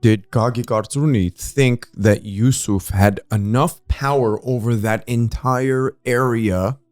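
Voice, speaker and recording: A man's voice: mid-range voice, takes it slowly, a little mellow, no echo. A man co-hosting a casual history podcast, pressing his argument with pointed questions and often cutting in. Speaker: podcast co-host.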